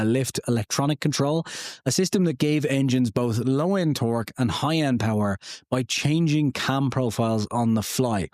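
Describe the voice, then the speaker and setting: A man's voice: mid-range voice, a little mellow, dry recording, studio quality. A man in his thirties hosting a podcast, telling history in a casual, rambling way with lots of fillers and personal asides. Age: 30s. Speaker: podcast host.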